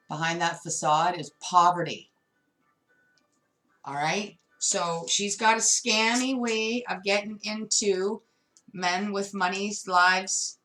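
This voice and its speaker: A tarot reader delivers a card reading straight to the viewer, emphatic and prone to repeating words. Her voice is lowish and a bit bright, heard through a rough recording.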